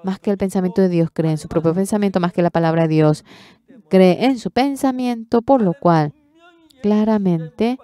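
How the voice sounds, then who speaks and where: A woman's voice: on the low side, a little fast, mellow. Emphatic woman interpreting a sermon.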